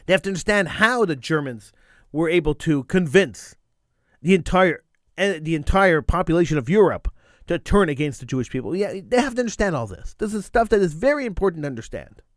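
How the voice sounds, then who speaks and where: A middle-aged talk radio host gives an impassioned monologue, speaking emphatically and repeating phrases for stress while a slight cold wears on his voice. His pitch is a little high, his delivery animated and a little fast. The recording is studio quality, with no room sound.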